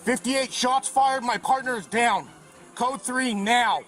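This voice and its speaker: A police officer on a radio call, frantic and breaking voice, shouting urgent calls for backup. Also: male voice, very high voice, slow pace. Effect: police radio transmission.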